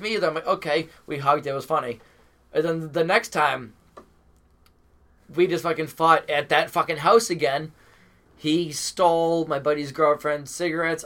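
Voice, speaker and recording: A man's voice: fairly high pitch, pushed and bright. A man from Massachusetts, a stand-up comic and podcast guest, telling a crude, rambling story full of swearing and filler words. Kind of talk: casual chat, storytelling.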